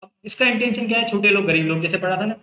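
Young male lecturer, high-pitched, chatty and reassuring, echoey room. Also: very fast, bright, forceful tone. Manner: chatty, reassuring, explains by intent. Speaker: teacher. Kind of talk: casual online lecture.

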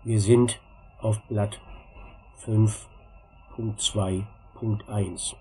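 Male teacher, very slow and careful, lowish voice, repeat-after-me drills, faint background hiss. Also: steady tone, darkish tone, low-quality recording. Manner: deliberate, repeats each sentence twice. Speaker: German teacher.

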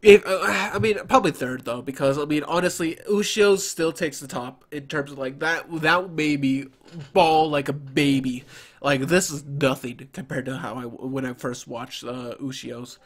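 A young man giving casual, halting reaction commentary, sounding nasal and stuffed up from crying, close to a desk mic. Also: a little high. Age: young adult. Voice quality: nasal, congested. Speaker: anime reaction video host. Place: small furnished room at home. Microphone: close desk microphone, headphones on.

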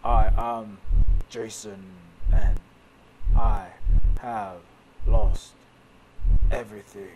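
A man voicing a solemn, bereft British game character, speaking in a slow, halting, dramatic way. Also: fairly low pitch, flat delivery, background noise, pitched below the performer's own voice. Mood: desolate.

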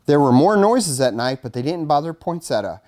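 With a fairly high, darkish voice full of big pitch swings, a middle-aged American man, a fire chief, reads a storybook to children and talks with them at a normal speed. The setting is an indoor, studio-like arrangement in front of a curtain.

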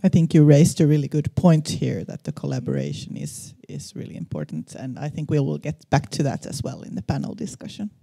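A woman organizer making announcements at a seminar in a lively, informal way. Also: low-pitched, fairly quick, vocal fry, few pauses, breathy edge, no room sound, clean studio sound.

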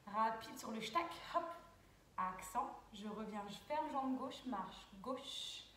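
A woman's voice: on the high side, animated, slow pace, pushed and bright, a little hiss or hum. A young woman dance teacher talking through a routine step by step, calling counts and sound cues as she moves. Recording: very echoey, far from mic.

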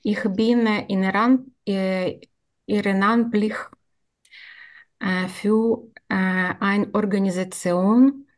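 A woman from Ukraine with a Ukrainian accent, introducing herself in careful learned German on a video call, halting with many filler sounds. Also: mid-range voice, fairly even intonation. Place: indoor room.

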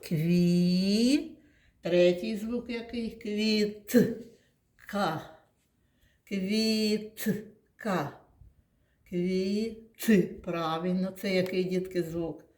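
A woman teaching young children, slowly and patiently sounding out words and praising them. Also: lowish voice, fairly even intonation, warm tone. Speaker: kindergarten teacher. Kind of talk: classroom lesson for young children. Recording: echoey room.

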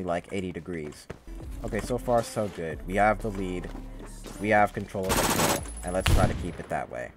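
A young man giving casual gameplay commentary in a weary, grumbling way. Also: low voice. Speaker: gaming video host. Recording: noisy recording with game gunfire. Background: video game gunfire.

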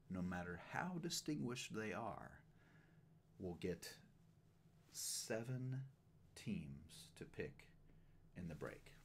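A man hosting his own channel, making a mock-grand, self-mocking announcement in a pompous, drawn-out way. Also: lowish voice, a little hiss or hum. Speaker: host of a card-break channel.

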